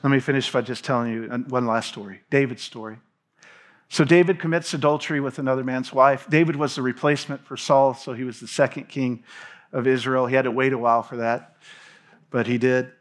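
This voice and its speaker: A pastor from Tennessee, in his thirties, preaches fairly quickly in a medium-pitched voice. He reads scripture aloud from a church stage, pacing animatedly and gesturing as he speaks.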